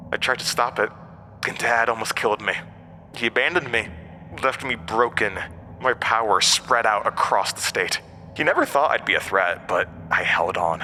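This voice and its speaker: A forceful, razor-sharp male voice of medium pitch echoes through a vast, cavernous space, with a touch of hiss or hum. He portrays a primeval, inhuman outcast, embittered and manipulative, telling his story with taunting theatrics, as in a horror audio drama.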